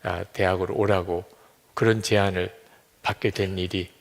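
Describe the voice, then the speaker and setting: A low, gravelly male voice carries a sermon through a church sanctuary, and the words hang in a long reverb. He tells the story in a storyteller's way and acts out each quoted speaker in turn. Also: little pitch movement, normal speed. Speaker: pastor.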